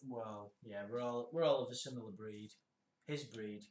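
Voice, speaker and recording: A man's voice: on the low side, a little mellow, reverberant, slight background noise. A man, swearing and protesting in casual podcast banter from a dim bar. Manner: sweary, indignant, quick to protest. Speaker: podcast co-host.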